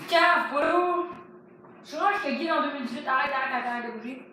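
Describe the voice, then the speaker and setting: This vlogger, speaking quickly in a high register with a Québécois accent, orders her friend around and ribs him through a filmed food challenge, cursing often. It's boisterous, casual banter recorded in an echoey, very noisy room.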